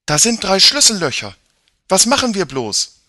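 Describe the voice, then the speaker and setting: A man voicing Mia, a clever, excitable young girl who eagerly points things out. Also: high-pitched, moderate pace, dry recording, clean studio sound, voice pushed up, full character voice. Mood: alarmed.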